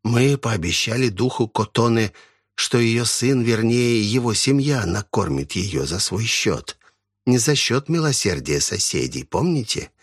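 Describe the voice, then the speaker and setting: A man's voice: fairly low pitch, lively intonation, slightly rough, no room sound, studio quality. A man reading a stern old monk. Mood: reproachful. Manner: reproachful, measured. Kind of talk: audiobook character voice.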